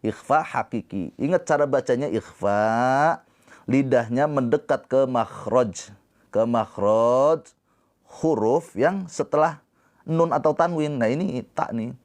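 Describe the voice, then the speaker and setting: A man teaching tajwid on a live stream, explaining slowly and patiently and breaking into drawn-out chanted recitation. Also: mid-range voice, a little mellow. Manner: talks to viewers in the comments.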